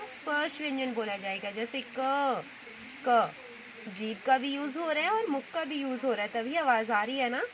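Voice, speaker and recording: A woman's voice: high-pitched, background noise. A woman teacher patiently explaining a grammar lesson, repeating each point and checking in often. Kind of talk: Hindi grammar lesson with notes.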